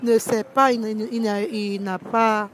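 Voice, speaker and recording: A woman's voice: on the high side, fairly even intonation, a little slow, poor audio. A young woman asking passers-by questions for a street interview into a handheld mic, often restarting her questions. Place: city street at night beside parked cars. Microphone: handheld microphone. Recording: outdoor street noise.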